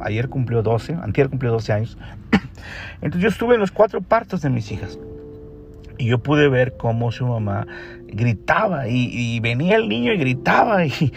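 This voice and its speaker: A man's voice: mid-range voice, creaky. A man in his forties with a Mexican Spanish accent, preaching an emphatic radio sermon that repeats phrases and puts direct questions to the listeners. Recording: faint music behind the voice.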